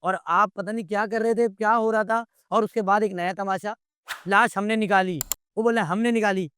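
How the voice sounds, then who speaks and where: Indignant high-voiced man. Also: fairly even intonation, moderate pace, a bit bright, clean tone, dry recording, clean studio sound. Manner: indignant, exasperated, rhetorical questions. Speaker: guest. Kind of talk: impassioned interview commentary.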